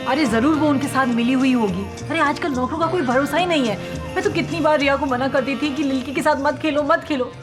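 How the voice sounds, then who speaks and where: A woman playing a frantic, high-voiced society mother. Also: a little fast, over music, lightly acted. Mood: panicky. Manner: panicky, mixes English into Hindi. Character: frantic upper-class woman, middle-aged mother. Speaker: worried mother.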